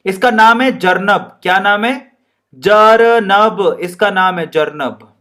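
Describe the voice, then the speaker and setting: A man's voice: high-pitched, takes it slowly. A man teaching chemistry in a playful, jokey lecture style, switching between Hindi and English. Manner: animated, mixes Hindi and English. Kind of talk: classroom lecture.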